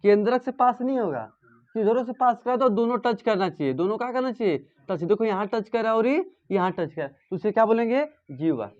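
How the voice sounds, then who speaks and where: High-voiced man teaching math in class. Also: animated, brisk. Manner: asks students questions and repeats answers. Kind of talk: classroom lesson. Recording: dull lo-fi sound.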